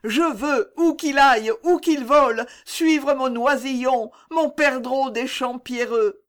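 A woman voicing a distraught peasant mother who cries out high and pleading in an audiobook reading. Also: slow pace. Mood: frantic.

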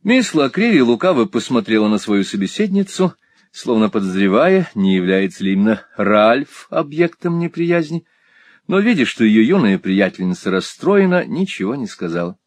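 A man narrating a classic novel as an audiobook in a measured storytelling manner. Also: mid-range voice, big pitch swings, dry recording.

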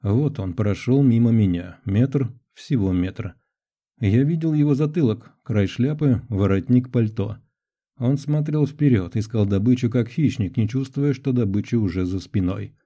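A man reading an adventure audiobook in first person, with measured, tense storytelling. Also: mid-range voice, dark tone. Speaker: audiobook narrator. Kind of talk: scripted first-person narration.

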